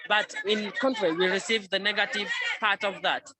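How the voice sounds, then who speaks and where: A man's voice: sits high, steady tone, moderate pace. A man from Sudan, speaking as a refugee spokesman at an outdoor protest, earnest and insistent. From South Sudan. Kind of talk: press conference testimony over a call. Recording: crowd noise from an outdoor protest. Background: crowd.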